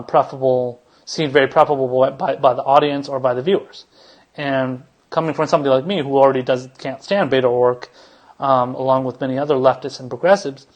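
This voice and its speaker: A man hosting a political commentary podcast, talking in a rambling way with many restarts, fillers and casual swearing. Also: mid-range voice. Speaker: podcast host.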